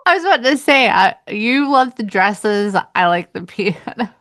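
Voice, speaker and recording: A woman co-hosting a podcast, talking about books in a sarcastic, drawn-out way with laughing asides. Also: mid-range voice, expressive, a bit bright. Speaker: podcast co-host. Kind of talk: casual book chat.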